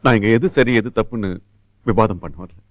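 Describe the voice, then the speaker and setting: An actor playing a middle-aged father who speaks in a measured, restrained way. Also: on the low side, close to an everyday voice. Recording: muffled film audio with music.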